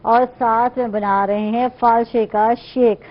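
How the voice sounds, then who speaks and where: A woman's voice: a little high, fairly even intonation, dull audio, slight background noise. A woman hosting a morning show cooking segment, chatting along and affirming her guest often. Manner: chatty, affirming with frequent "theek hai". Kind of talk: live cooking segment chat.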